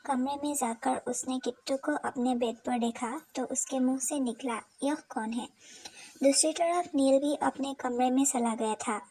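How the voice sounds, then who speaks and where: A woman narrates a romance novel in a steady, even storytelling read. Her voice sits high and comes out husky and breathy. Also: normal speed, hardly any pauses, poor audio. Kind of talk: scripted narration of an audio novel.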